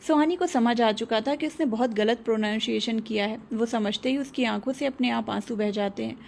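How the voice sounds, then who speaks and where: A woman narrating a romance audio serial in a steady storytelling manner, voicing every character herself. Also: on the high side, a little fast, creaky, slight background noise.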